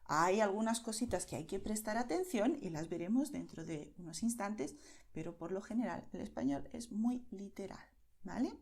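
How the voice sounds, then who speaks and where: A woman teaching Spanish to beginners, slow and clear, spelling letters out and often checking in to see if the listener follows. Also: medium pitch, lively intonation, a little mellow.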